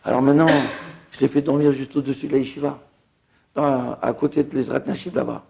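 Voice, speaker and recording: Middle-aged rabbi, gravelly voice, animated storytelling sermon. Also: male voice, medium pitch, brisk, a little hiss or hum. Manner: lively storytelling with acted-out dialogue.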